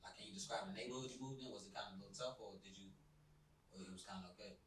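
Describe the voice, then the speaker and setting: A man's voice: lowish voice, racing, fairly bright tone, far from the mic. A man interviewing a guest, asking rambling questions full of fillers. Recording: echoey room, off-mic.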